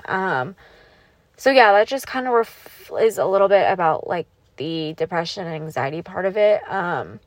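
A woman's voice: medium pitch, no echo. A young woman hosting her own podcast, talking candidly and bluntly, with heavy swearing and lots of fillers, sounding raw and vulnerable. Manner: raw, vulnerable, holding back tears. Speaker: podcast host. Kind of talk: candid solo podcast monologue.

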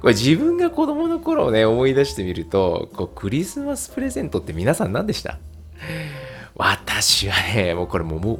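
A man hosting a casual solo podcast, chatting with many fillers and laughs. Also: vocal fry. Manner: chatty, frequent fillers and laughs, lively pitch. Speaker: podcast host and English teacher.

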